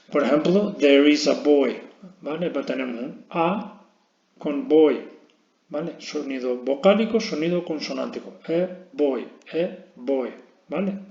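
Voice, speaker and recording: A man's voice: fairly high pitch, vocal fry, darkish tone. A man with a Spanish accent teaching an English grammar lesson, explaining step by step and often checking in with his listeners. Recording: echoey room, dull lo-fi sound.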